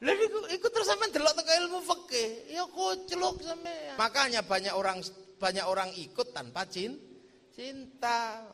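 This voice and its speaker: A man's voice: very high-pitched, a bit bright. A man preaching a sermon, joking and telling stories, sometimes singing verses. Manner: joking, storytelling, mixes in sung verses. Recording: long hall reverb.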